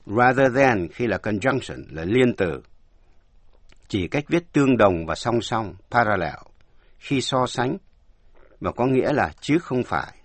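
A man teaching English pronunciation in a language lesson, slowly spelling words out letter by letter. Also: medium pitch, animated, no room sound.

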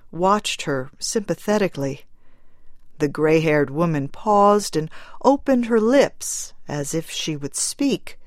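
Low-pitched slow woman narrating, dry close sound, faint music behind. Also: no echo. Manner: calm, measured. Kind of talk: scripted story narration.

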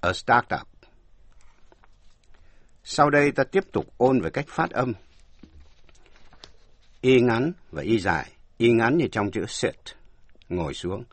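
A man teaching English pronunciation in a language lesson, slowly spelling words out letter by letter. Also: mid-range voice, lively intonation, dry recording.

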